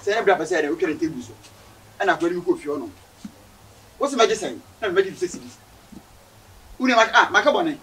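A man with a West African, Ghanaian accent playing an excitable, argumentative carpenter in a comedy skit, repeating words insistently. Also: sits high, fast talker, long pauses. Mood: complaining. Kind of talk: improvised street comedy skit. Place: outdoors in a residential yard and lane. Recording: distant outdoor camera sound, noisy ambience.

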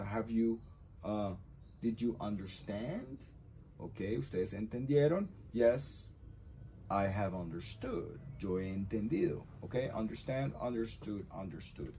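A man's voice: lowish voice, darkish tone, slight background noise. A man teaching an English lesson, repeating each word and often checking in with "ok?". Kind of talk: bilingual language lesson.

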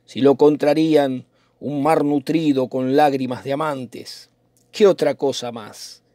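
A man's voice: medium pitch, steady tone, measured pace, warm tone, dry recording, studio quality, close to an everyday voice. A man reading the part of a brooding, poetic young nobleman in a dramatic reading of a play, in a theatrical, declaiming manner. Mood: lovesick.

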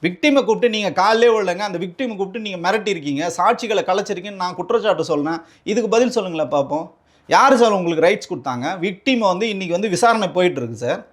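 A man with a Tamil Nadu accent argues his case in a heated political interview. His voice sits high and his words tumble out at great speed. He presses the interviewer with rhetorical question after question. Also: animated. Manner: combative, rapid rhetorical questioning. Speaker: political party spokesman.

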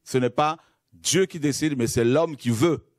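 A man's voice: on the high side, measured pace, no room sound. Emphatic male preacher, dry close sound. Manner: emphatic, repeats key phrases; addresses listeners as friends. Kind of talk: sermon with Bible reading.

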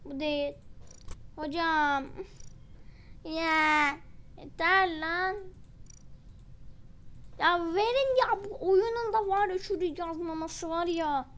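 A woman doing live gameplay commentary as a channel host, quick-tempered and exasperated, in slangy talk aimed straight at her viewers and teammates. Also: very high voice, fairly bright tone, slight background noise.

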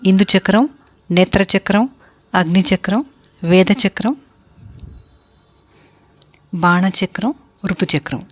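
A woman from India giving a spoken music theory lecture, explaining steadily and listing terms one by one. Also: medium pitch.

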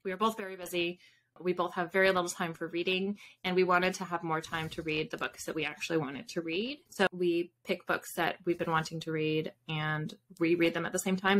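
A woman in her thirties, an author appearing as a podcast guest, chats informally over a video call from a room with bookshelves. Her voice is fairly low with a fairly bright tone. She tends to wander off topic and rephrase herself.

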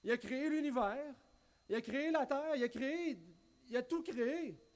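A pastor in his thirties from Quebec preaches a sermon at a wooden pulpit on an indoor church stage, speaking with a Québécois French accent. His voice is extremely high-pitched at a moderate pace, and he gestures widely and animatedly, restarting often and adding spoken asides.

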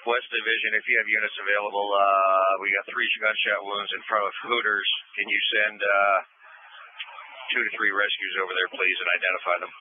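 A man commands a fire scene in urgent firefighter radio style, his voice on the low side. He gives short, directive orders through a narrow, phone-like two-way radio. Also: little pitch movement, fairly quick. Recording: muffled narrowband emergency radio.

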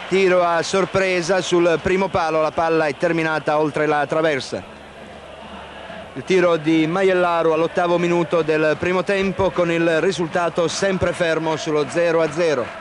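A man giving live football play-by-play commentary on television, factual and measured, naming players in clipped phrases. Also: a little high. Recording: noisy old 1990 TV broadcast.

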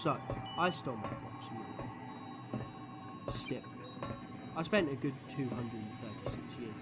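A man playing an eccentric, ancient time-travelling alien, theatrical, whimsical and quick to exclaim, in a fan audio drama. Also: mid-range voice, lightly acted.

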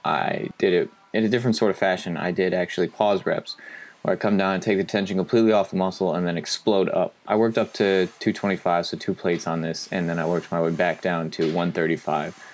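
A young man gives a casual voice-over explaining his gym workout in a relaxed coaching tone. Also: sits low, fairly quick. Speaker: fitness vlogger.

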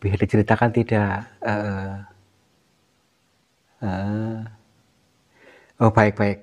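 A man from Central Java, hosting a vlog and speaking in a hushed, cautious way to an unseen spirit inside a cave. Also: fairly low pitch, little pitch movement, slow pace. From Cilacap, Central Java. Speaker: vlog host, ghost hunter. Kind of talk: casual running commentary.

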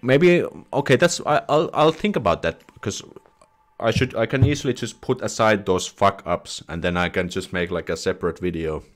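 A young Finnish man with a Finnish accent hosts a casual live stream from a small room at home, reading viewer comments and chatting. He often restarts his words and slips into Swedish phrases. His voice is fairly low and moderately paced, captured through a headset with a desk mic in front, with faint music behind.

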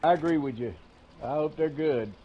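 A man's voice: on the high side, normal speed, dull audio, background noise. A man streaming a tank game, giving casual commentary with grumbling, sarcastic asides.

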